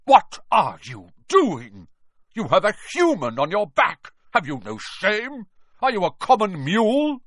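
A hot-tempered male centaur from a storybook, thundering his words loud and high with contempt, then dropping to a harsh growl, as a man puts him on. The sound is dry and close. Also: moderate pace, dry recording, lightly acted. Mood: thundering, scornful. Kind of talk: audiobook character reading.

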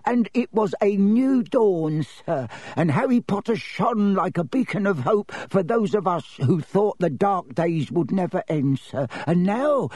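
A man performs a full character voice as a little storybook house elf: very high-pitched, husky, and a little mellow. The servile, frightened creature keeps pleading deferentially, obsequiously speaking of itself in the third person, in a close, dry recording with no room sound.

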